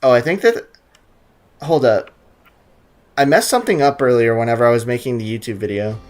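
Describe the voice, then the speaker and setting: With game music playing behind him, a young man makes casual let's-play commentary as a gaming YouTuber, joking and rambling through his playthrough. His mid-range voice is a little mellow and moves a little fast.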